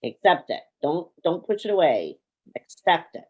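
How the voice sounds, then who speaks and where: A woman coaching someone through a guided exercise, calm and deliberate, repeating key phrases. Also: low voice, slightly rough, lo-fi sound. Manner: calm, slow and repetitive, drawing out key phrases.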